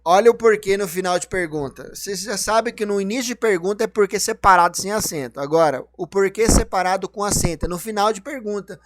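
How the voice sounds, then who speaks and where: A man's voice: sits high, a little fast, few pauses, dry recording. A man teaches grammar. He explains each rule step by step and quizzes himself along the way. The sound is dry and close, with no room around it. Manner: explanatory, asks and answers his own questions. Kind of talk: grammar lesson.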